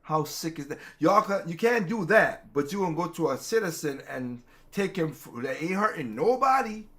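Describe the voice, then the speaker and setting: A man's voice: a little high, lively intonation, moderate pace, a bit bright. A man hosting a casual political talk show, rambling with many restarts and growing heated. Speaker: podcast host.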